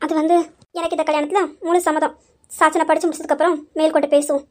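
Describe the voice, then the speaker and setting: A woman playing a pleading wife, very high voice. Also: level tone, racing, close to an everyday voice. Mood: gentle. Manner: pleading, apologetic. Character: humble middle-aged wife and mother, pleading. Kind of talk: Tamil audio drama acting.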